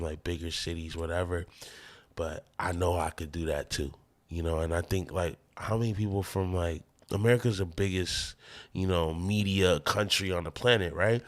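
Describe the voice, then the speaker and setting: A man from the American Midwest, a musician guest talking in a loose, rambling, laid-back way on a casual podcast. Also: sits low.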